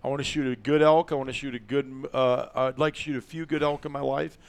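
A man's voice: medium pitch, fairly even intonation, fast, gravelly. A man in his fifties co-hosting a podcast, joking and playful in casual chat. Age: 50s. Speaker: podcast co-host.

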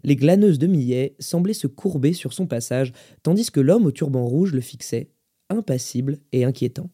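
A man narrating a literary short story in a measured, descriptive way. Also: mid-range voice, animated, warm tone, breathy edge. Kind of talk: scripted story reading.

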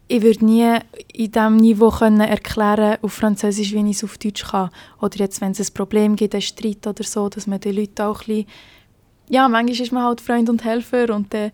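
In a podcast interview, a young woman from Switzerland who works as a police officer talks hesitantly about her job, full of fillers and speaking with a Swiss German accent. Her medium-pitched voice has a darkish tone, with no room sound.

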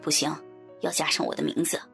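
A woman doing a bossy young man's low gravelly voice. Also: little pitch movement, brisk, a bit bright, faint music behind. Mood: teasing.

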